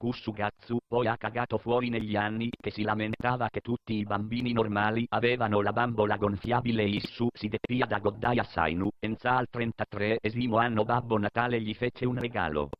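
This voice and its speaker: A man's voice: fairly low pitch, steady tone, a little fast, few pauses, dry recording. A man with a Sardinian accent narrating a scripted comedy course as a mock instructor, peppered with profane cursing. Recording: dull, lo-fi dry recording.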